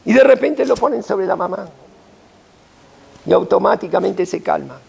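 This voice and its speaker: An older man, a rabbi, preaching a sermon with dramatic, emphatic storytelling and sudden swings in pitch. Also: lively intonation, normal speed, vocal fry, a little mellow, slightly rough.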